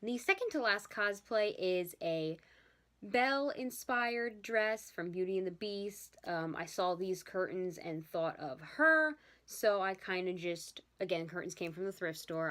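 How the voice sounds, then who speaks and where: A woman's voice: medium pitch, fairly bright tone. A young woman chatting casually in a vlog about her handmade costumes, talkative and often apologizing. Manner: chatty, apologetic, yawning at times. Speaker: vlogger showing her handmade cosplays. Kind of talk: casual chat.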